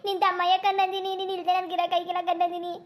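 A woman's voice: very high voice, completely flat delivery, racing. Woman voicing a wailing village mother. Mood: lamenting. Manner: rustic colloquial speech, pleading and scolding. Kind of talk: cartoon voice acting.

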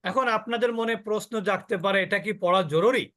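A man with a fairly high voice leads a Quran recitation lesson, explaining patiently and asking questions he answers himself. He demonstrates each sound several times over. The recording is dry and close, with no room echo. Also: a little fast, a bit bright. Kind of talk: online tajweed class.

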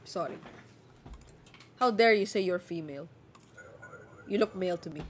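A woman's voice: fairly low pitch, moderate pace, a little hiss or hum. A woman giving playful gameplay commentary while role-playing a border officer. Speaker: game streamer.

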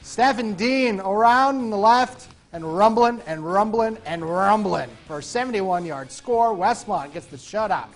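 A man anchoring TV sports, giving playful, informal football highlights commentary. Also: expressive, unhurried, few pauses, soft background music. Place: TV studio.

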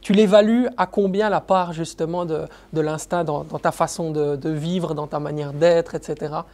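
A man's voice: fairly high pitch, steady tone, normal speed, a little mellow. A man interviewing a footballer, asking long, meandering questions full of fillers.

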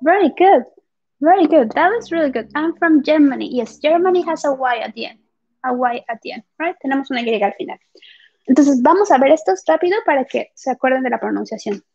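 A woman teaching an online English class, mixing explanations with slow, drawn-out English examples. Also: high voice, expressive, a little mellow. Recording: muffled lo-fi online class audio.

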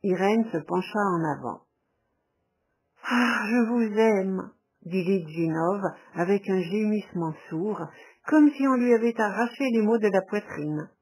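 A woman reading a classic novel aloud as audiobook narration, measured and even. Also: mid-range voice, slightly rough, rough recording. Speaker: audiobook reader.

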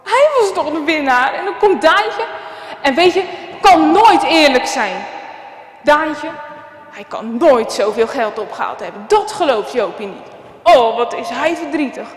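A woman telling a children's story in an expressive, dramatic way, recorded in a church. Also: sits high, measured pace. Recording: echoey church with long reverb.

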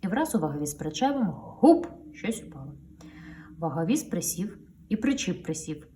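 A woman's voice: lowish voice, sing-song, normal speed, dark tone, slight background noise. A woman reading a children's picture book aloud to her daughter, with playful storytelling and sound effects, heard a little distant from the mic.

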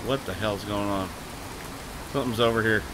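Against a noisy background, a man streams gameplay live, booming and excitable, cursing the game and replying to his chat at a moderate pace.

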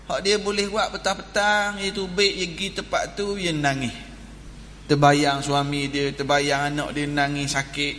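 A male preacher with a Kelantan Malay accent, giving a Friday religious talk in a mosque as a lively storyteller who jokes with the congregation. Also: a little high, normal speed, slight background noise. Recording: echoey mosque hall, faint ambience.

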